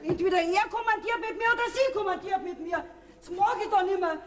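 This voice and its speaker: A woman's voice: very high-pitched, fairly quick, a little hiss or hum. An actress with a Bavarian accent playing a fed-up middle-aged farm wife and mother who scolds her family in a folk theater comedy. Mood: indignant. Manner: scolding, indignant, loud. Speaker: stage actor. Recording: stage recording from far off, hall reverb.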